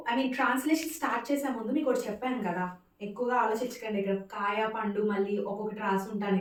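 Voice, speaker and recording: A woman teaching a casual spoken language lesson, repeating words slowly for pronunciation and mixing in English phrases. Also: a little high, a little mellow. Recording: echoey room, distant mic.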